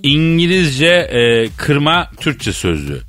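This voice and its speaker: A man's voice: fairly high pitch, big pitch swings, slow, fairly bright tone. A man co-hosting a comedy radio show, telling stories with a playful, teasing manner and acting out dialogue. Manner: playful teasing storyteller who acts out dialogue. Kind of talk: comic radio banter.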